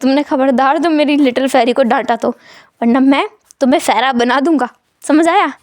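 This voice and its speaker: A cheeky young man teases and jokes in a light, playful way, as a woman narrator puts him on. The pitch is high and the sound is dry and close. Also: normal speed, darkish tone, dry recording, lightly acted. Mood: teasing. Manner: teasing, playful.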